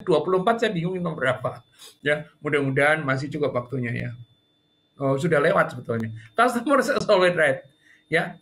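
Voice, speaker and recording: A man giving a seminar talk on customer service, chatty and repetitive, acting out customers and staff in higher voices. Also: gravelly, a bit bright. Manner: conversational, repeats key points. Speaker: speaker on service culture.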